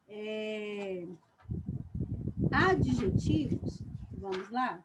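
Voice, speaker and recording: A woman with a Brazilian Portuguese accent teaching young children in a live online lesson. She speaks slowly and deliberately, stretches her words, and checks in often with "ok?". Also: a little high, noisy background. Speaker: primary school teacher.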